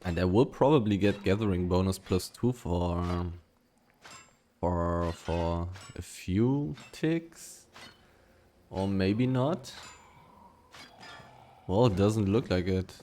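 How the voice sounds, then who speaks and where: A man's voice: sits low, expressive, slow pace, pauses often, warm tone, a little hiss or hum. A man giving casual running commentary while he plays a video game, thinking aloud and humming between remarks. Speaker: gaming video creator.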